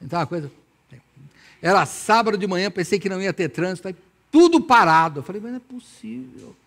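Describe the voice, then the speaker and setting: A man's voice: high-pitched, lively intonation, fast, fairly bright tone. A Brazilian man in his sixties preaching a sermon in church, telling stories with humor and acting out imagined dialogue. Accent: Brazilian Portuguese. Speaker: pastor. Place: church, evening service.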